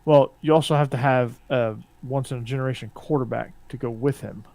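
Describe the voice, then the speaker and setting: A man hosting a casual sports podcast, relaxed and rambling, often trailing off quietly. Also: mid-range voice, fairly quick. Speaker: podcast host.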